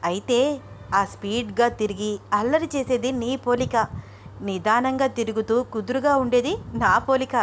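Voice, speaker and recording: A woman's voice: a little high, a little slow, slight background noise, lightly acted. Woman voicing a doting, fussy young husband. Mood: teasing. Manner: eager, fussing, raised voice.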